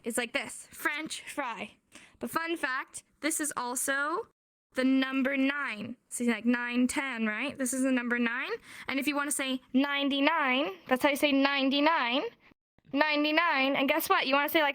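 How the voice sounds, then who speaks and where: A woman's voice: high voice, a bit bright, no room sound. An American woman teaching a casual sign language class, upbeat and encouraging, laughing often. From United States. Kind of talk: casual live class in a virtual world.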